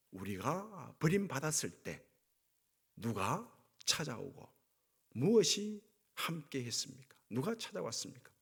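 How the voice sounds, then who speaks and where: Korean pastor guy preaching, gravelly husky voice, pitch flying all over the place. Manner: dramatic swings of pitch and volume, acting out cries of anguish. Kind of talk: sermon.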